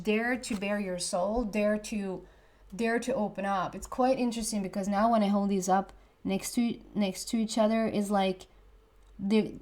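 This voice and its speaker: The woman's medium-pitched voice is a little mellow as she does a casual tarot reading. A native Swedish speaker with a Swedish accent, she is chatty and often gropes for the right words.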